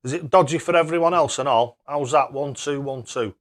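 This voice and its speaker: A man's voice: medium pitch, brisk. A man chatting casually on a live stream as he plays darts, matey and self-deprecating.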